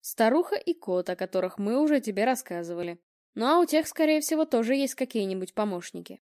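A woman's voice: on the high side, animated, fairly quick, darkish tone, no room sound, clean studio sound. A woman voicing an elderly male investigator, wry and fatherly in tone. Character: old male retired investigator, wry and kind.

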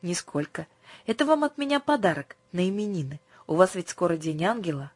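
A woman reading an audiobook, voicing an earnest young male seminary student who sells books and speaks in a gently instructive way. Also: fairly low pitch, animated, a little fast, breathy edge, no room sound. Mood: kindly.

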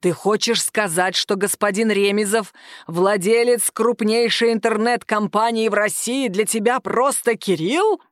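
A woman voicing an angry, bullying male office boss who growls and shouts slowly. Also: medium pitch, no echo, clean studio sound, natural voice. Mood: menacing.

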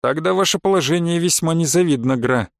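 A man doing a calm weighty hotel manager. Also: fairly high pitch, gravelly, dry recording, studio quality. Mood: measured. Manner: calm and measured.

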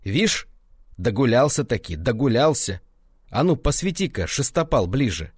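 A gruff, half-deaf old village constable who shouts his words in a hoarse, husky voice, raised above the speaker's own, as a man puts him on. The delivery swings widely in pitch, and the sound is dry and close. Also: very animated, moderate pace, dry recording. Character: hard-of-hearing old male village constable.

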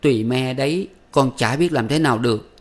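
A man's voice: mid-range voice, fairly quick, pitched above the performer's own voice, lightly acted. A man reading aloud and voicing a young married daughter who sobs and complains plaintively. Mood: sobbing. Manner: sobbing, plaintive.

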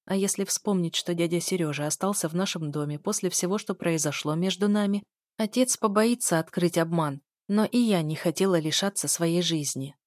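A woman narrating a first-person story in a steady, scripted audiobook read. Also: fairly low pitch, moderate pace, no room sound, clean studio sound.

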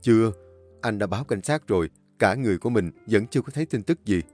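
A man voicing a young father who speaks forcefully and angrily. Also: lowish voice, animated, fast talker, soft background music. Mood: urgent reassuring. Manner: angry, forceful. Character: young father, furious and commanding.

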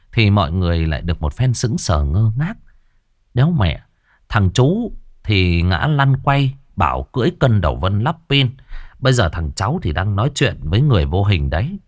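A man tells a ghost story in an expressive way. His voice is fairly low and rises and falls a lot. The recording is dry and close. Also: moderate pace, dry recording. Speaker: narrator.

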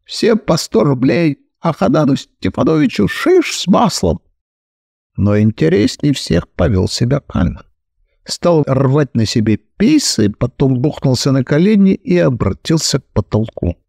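Gravelly, lively male audiobook narrator. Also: on the high side, unhurried, no room sound, studio quality. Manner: lively, ironic storytelling. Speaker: audiobook reader.

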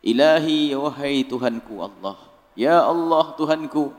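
High-voiced preacher in a hall. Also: male voice, unhurried. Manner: lively, mimics people's prayers in raised voice. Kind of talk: sermon. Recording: reverberant hall.

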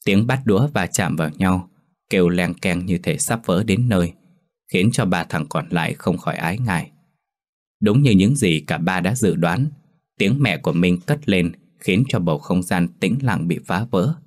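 A man narrating a folk ghost tale in a steady storytelling manner. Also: deep voice, normal speed.

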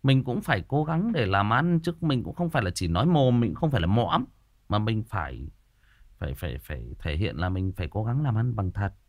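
A man, telling a personal story in casual chat, frank and animated, with many fillers and repeated words. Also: fairly low pitch, fairly quick, no room sound, studio quality.

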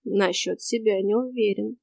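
A woman voicing a weary male stranger spirit in the afterworld, with a quiet, cracked voice and a flat, indifferent manner. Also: mid-range voice, moderate pace, creaky, dry recording.

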